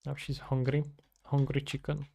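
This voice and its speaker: With a completely flat delivery, this man's mid-range voice sounds gravelly, dark and breathy at the edges, moving at a moderate pace. He's a Czech streamer and indie game developer in his twenties, Czech by first language, casually talking through his work on a livestream from his computer indoors, thinking aloud for himself and viewers.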